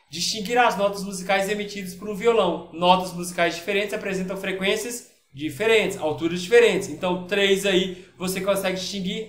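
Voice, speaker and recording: A man's voice: high-pitched, fairly bright tone, reverberant. A man with a Brazilian Portuguese accent, a physics teacher talking casually through worksheet exercises in an online lesson and often checking in with his students.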